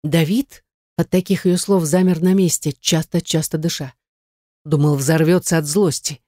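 Dry, steady audiobook narrator. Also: medium pitch, moderate pace, dry recording. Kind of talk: scripted narration.

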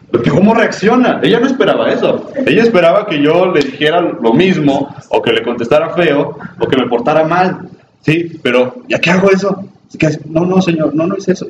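A man with a Mexican accent, a psychologist giving a chatty workshop talk to a live audience. He asks the listeners questions and acts out the people in his stories. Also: on the high side. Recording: distant, dull, noisy, roomy recording.

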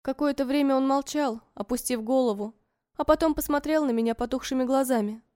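A woman narrating a story in the first person, in a soft, measured and wistful way. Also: high-pitched, clean tone, dry recording, clean studio sound.

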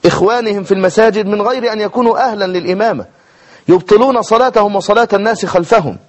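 Man, high-pitched voice, religious lesson, explanatory, slows to model pronunciation. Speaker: Islamic jurisprudence teacher.

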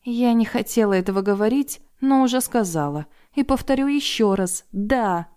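A woman voicing an indignant, sharp-tongued middle-aged woman who talks loudly and sarcastically. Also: a little high, expressive, normal speed, voice pushed up, lightly acted. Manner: loud, exasperated and sarcastic.

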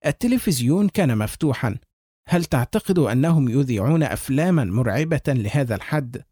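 A man's voice: medium pitch, lively intonation, brisk, dark tone, breathy edge, no echo, clean studio sound. A man reading as a sarcastic friend. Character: sarcastic male friend of the officer.

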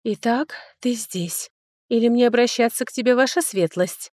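A woman's voice: on the high side, animated, a little mellow, dry recording, clean studio sound, voice pushed up, close to an everyday voice. A woman reading an audiobook, voicing a sarcastic, touchy young noblewoman who mocks her older sister. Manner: mocking, biting, quick to snipe.

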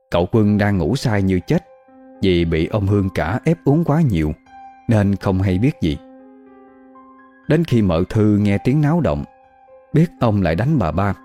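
In a very deep, dark voice, a man narrates a scripted horror story at an even, measured pace. Faint, soft music runs underneath his storytelling.

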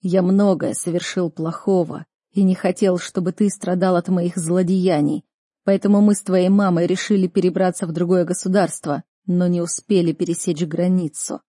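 A woman voicing a broken, weeping older duke who speaks slowly and tiredly to his son. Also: high-pitched, level tone, warm tone, no echo, studio quality. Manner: slow, sobbing, tired.

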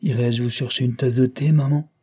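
A man's voice: mid-range voice, fairly even intonation, warm tone, breathy edge, voice pushed up, natural voice. A man voicing a sensible young daughter. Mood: brisk, questioning. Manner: brisk, dismissive.

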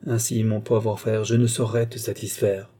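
A man's voice: on the low side, little pitch movement, normal speed, warm tone, lightly acted. A man voicing a cold, grasping male moneylender with a dry, businesslike manner in an audiobook. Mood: cool, dismissive.

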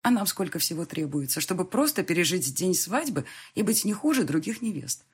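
A woman narrating a first-person audiobook in an expressive, animated way. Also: on the low side, fairly quick, breathy edge.

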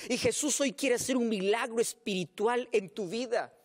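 A man preaching a sermon as a pastor, fervent and repetitive, growing quiet and tender toward a closing prayer. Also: very high voice, moderate pace. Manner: impassioned preaching, turning soft and hushed for the closing prayer.

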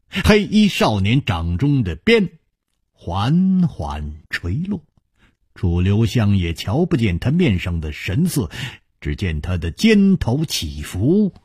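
Male radio storyteller, dramatic, sweeping pitch, slow, husky, dry sound. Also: darkish tone, no echo. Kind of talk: Chinese storytelling narration.

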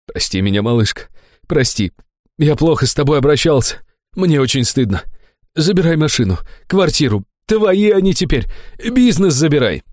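A man voicing a plump middle-aged businessman, overjoyed and tearful, talking in a high, shouting voice. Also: big pitch swings, moderate pace, no room sound, clean studio sound. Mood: remorseful.

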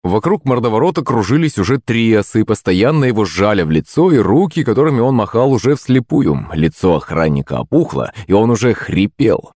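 Lively low-voiced male audiobook narrator. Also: fairly quick, hardly any pauses, no echo, studio quality. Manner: expressive, voices the characters. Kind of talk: scripted first-person audiobook narration.

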